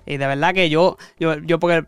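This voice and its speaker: A man's voice: on the high side, steady tone, moderate pace, fairly bright tone, clear, resonant tone, no echo. A man, a guest telling his story in a rambling, casual way and often correcting himself. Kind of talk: casual interview chat.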